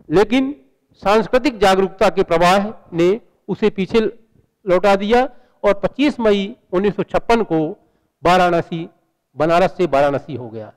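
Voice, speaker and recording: A man's voice: high-pitched, in a large hall, low-quality recording. A man giving a university lecture, explaining patiently with many examples and rhetorical questions.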